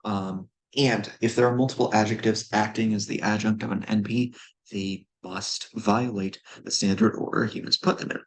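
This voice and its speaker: A man with a low, somewhat breathy voice walks through a constructed language in a casual explainer. He sounds out syllables one at a time and fills the gaps with ums and uhs. His interest comes through as dry, nerdy enthusiasm. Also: fairly even intonation, normal speed. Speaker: conlang presenter.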